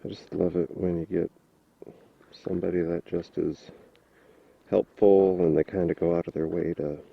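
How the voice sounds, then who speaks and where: A man's voice: sits low, level tone, moderate pace, gravelly, husky, muffled recording. A man chatting casually while riding a motorcycle, rambling and easygoing as he thinks aloud, picked up on a helmet mic. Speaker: motorcycle vlogger. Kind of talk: casual motovlog chat.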